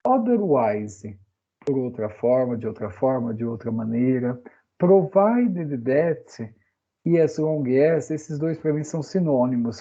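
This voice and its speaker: A man's voice: a little high, mellow, dull audio. A man teaching English grammar in a casual online lesson, chatting with a Brazilian Portuguese accent and tagging his sentences with questions. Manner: chatty, frequent "né?" tag questions.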